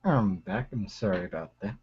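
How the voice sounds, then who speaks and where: A man's voice: lowish voice, expressive, normal speed, husky. A young man hosting a livestream, chatting casually with lots of fillers and restarts, then reading a story aloud. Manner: rambling, with many fillers and restarts. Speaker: livestream host. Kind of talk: casual chat and dramatic reading. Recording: dull lo-fi stream audio.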